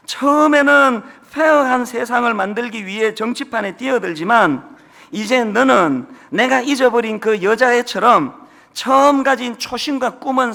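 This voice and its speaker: Man doing a corrupt old tycoon, Gyeongsang dialect, world-weary drawl, rough gravelly edge. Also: extremely high pitch, sharp tone, voice pushed up, exaggerated voice. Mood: lecturing.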